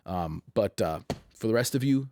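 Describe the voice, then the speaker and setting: A man hosting his own show, talking in a casual, halting way with a scratchy voice, earnest and reflective, often restarting his sentences. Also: fairly low pitch, expressive, darkish tone. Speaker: host. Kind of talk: casual chat to camera.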